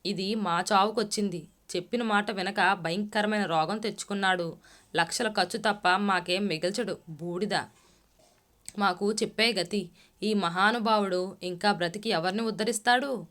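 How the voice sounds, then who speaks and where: A woman's voice: medium pitch, steady tone, moderate pace, close to an everyday voice. Woman reading as a shrewish scolding mother. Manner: harsh, cursing, shouting. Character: scolding shrewish middle-aged mother, loud.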